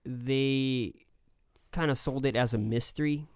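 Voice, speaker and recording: A man co-hosting a casual movie podcast, talking in a measured, explanatory way. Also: mid-range voice, fairly even intonation, darkish tone, clear, resonant tone, no echo, clean studio sound. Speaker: podcast co-host.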